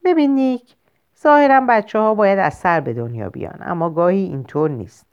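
A woman voicing a calm male country doctor and father in a storybook reading, patient and matter-of-fact as he explains. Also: medium pitch, clear, resonant tone, lightly acted. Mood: explaining. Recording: lo-fi muffled recording.

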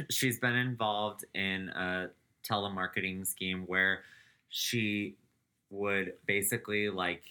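A podcast co-host recounts celebrity gossip casually, laughing along and letting sentences trail off with "um." He speaks slowly in a lowish, clear and resonant voice with a sharp tone and fairly even intonation.

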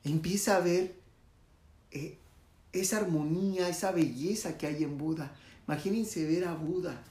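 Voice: medium pitch, darkish tone. A speaker who tells a spiritual parable to listeners in a mid-range voice, stopping often on fillers. The recording has a roomy echo. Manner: addresses listeners directly, halting with fillers. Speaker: storyteller. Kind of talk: spiritual parable told to an audience.

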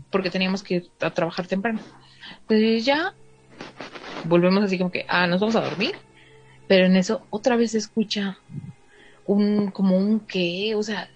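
A woman's voice: mid-range voice, a little mellow, slightly rough. A woman with a Mexican Spanish accent casually telling a story to a listener, filling in with little asides and playing out the dialogue. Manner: chatty, fills in with "o sea", acts out the dialogue. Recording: slightly dull sound with faint noise.

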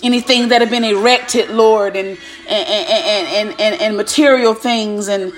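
A woman's voice: mid-range voice, a little slow. A woman praying aloud like a preacher, fervent and commanding, punctuating her phrases with repeated invocations of God. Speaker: preacher leading prayer. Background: music.

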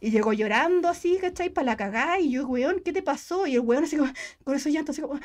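A woman's voice: high voice, faint music behind. A young woman with a Chilean accent, telling a personal story in casual, slangy chat and voicing the people in it. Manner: fast, slangy, animated storytelling with voiced quotes.

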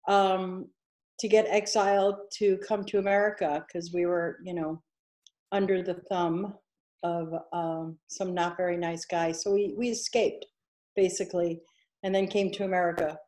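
A woman's voice: lowish voice, steady tone, moderate pace, darkish tone. A middle-aged woman from New York, a casting director chatting as a guest in a casual interview, telling stories and laughing easily.

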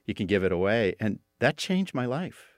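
A man's voice: on the low side, very animated, moderate pace, no echo. A man hosting a podcast, introducing guests and interviewing them conversationally. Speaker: podcast host.

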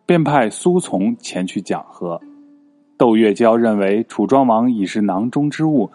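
Storytelling dad, low husky voice, animated delivery, soft guitar behind. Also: male voice, unhurried. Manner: expressive, animated. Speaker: father telling stories. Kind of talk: children's history storytelling. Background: faint guitar music.

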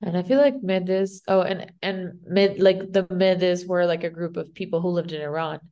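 Woman, Spanish accent, somewhat low voice, casual podcast co-host who rambles and restarts as she tells a story. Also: fairly even intonation, normal speed, warm tone. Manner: rambling, unsure, lots of "like" and restarts. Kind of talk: casual chat retelling a myth.

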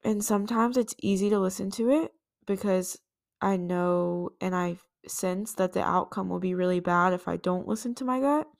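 In reflective solo podcast talk, this woman thinks out loud with earnest sincerity and the occasional restart. Her mid-range voice is gravelly and moves at a moderate pace.

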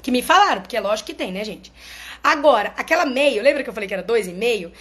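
A high-pitched woman talks casually to her followers as a therapist. Her delivery is chatty and explanatory, and she keeps checking in with the people listening. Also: expressive, quick pace, fairly bright tone.

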